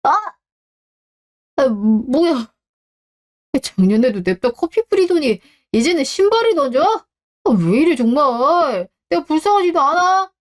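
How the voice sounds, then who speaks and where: Radio drama: a sulky, entitled middle-aged son, voiced by a woman, pitched on the high side. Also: sing-song, a little slow, darkish tone. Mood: indignant. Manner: whiny and indignant, voice rising high. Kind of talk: Korean radio drama acting.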